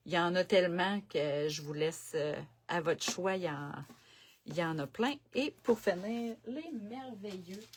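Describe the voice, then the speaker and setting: A woman with a Quebec French accent giving a casual live craft demo at her home desk, chatting and thinking aloud as she works. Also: lowish voice. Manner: chatty, thinks aloud while working, many fillers. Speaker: craft demonstrator on a live stream. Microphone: camera set on the desk.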